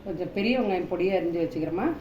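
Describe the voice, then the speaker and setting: A woman's voice: on the low side, racing, highs cut off. A woman giving a casual, homely cooking demonstration, repeating each step and addressing viewers familiarly. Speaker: home cook demonstrating a recipe. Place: indoor kitchen. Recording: roomy echo, kitchen sizzling noise.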